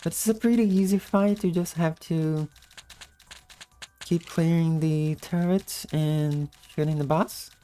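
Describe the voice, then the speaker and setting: A woman with a low-energy, just-woke-up morning voice giving a casual gameplay tutorial in commentary style. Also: steady tone, a little slow, warm tone, faint music behind. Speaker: video game guide narrator.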